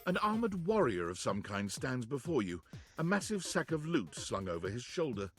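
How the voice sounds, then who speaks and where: An actor playing a video game narrator, reading scripted storybook-like scene descriptions to the player. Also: male voice, medium pitch, sing-song, normal speed. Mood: descriptive. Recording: game audio with background music.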